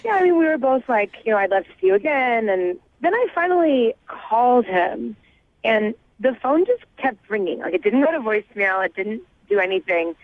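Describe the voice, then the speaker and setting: A young woman phones into a radio show and tells a personal story in a girlish, hesitant, casual way, saying "like" constantly. Her voice is on the high side and animated, with a moderate pace. The phone line sounds narrow, muffled, and roomy.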